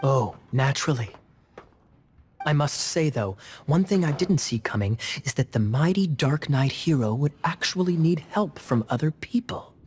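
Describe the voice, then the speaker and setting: Kaeya, a sly, teasing knight. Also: male voice, on the high side, animated, moderate pace, a little mellow, soft background music. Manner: smooth, teasing, amused.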